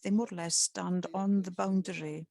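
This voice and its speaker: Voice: medium pitch, little pitch movement, normal speed, gravelly, mellow. A simultaneous interpreter translating live in short chunks, keeping pace with the original speaker, heard over a video call.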